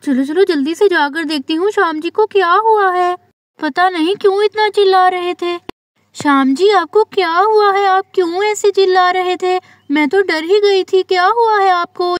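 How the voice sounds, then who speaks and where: A woman's voice: very high voice, normal speed, dry recording, studio quality. A woman voicing a young village wife in a doll story, fussing and reassuring her sick husband. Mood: worried. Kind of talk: doll story role-play.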